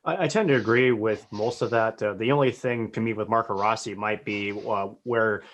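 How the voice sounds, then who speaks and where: A man co-hosting a podcast, discussing hockey prospects in a measured, agreeable way with fillers. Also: fairly low pitch. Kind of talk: casual sports talk.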